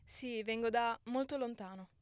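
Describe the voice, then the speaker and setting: Penelope, a woman voicing a gentle ancient queen. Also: fairly high pitch, normal speed, clean tone, no room sound, clean studio sound, lightly acted. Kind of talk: audiobook character reading.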